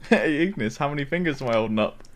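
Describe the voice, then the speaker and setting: A man's voice: mid-range voice, animated, fast talker. A man streaming a game, chatting casually and playfully with friends and laughing often. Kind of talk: casual gaming stream chat.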